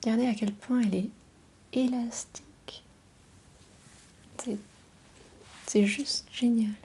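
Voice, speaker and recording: A woman speaking softly in an ASMR style, drifting into whispers, her voice hoarse and husky from a cold, with a gentle, unhurried manner. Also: on the high side, steady tone. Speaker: ASMR video host.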